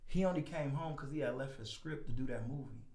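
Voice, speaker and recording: A man guest on a podcast telling a story in casual chat, animated and acting out the people he quotes. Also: medium pitch, brisk, echoey room. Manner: animated, acts out quoted voices.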